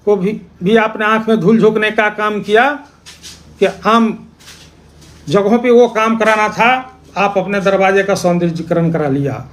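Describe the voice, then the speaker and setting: An opposition party politician with a high-pitched, fairly bright voice delivers an accusatory political speech. He poses rhetorical questions and repeats phrases for emphasis.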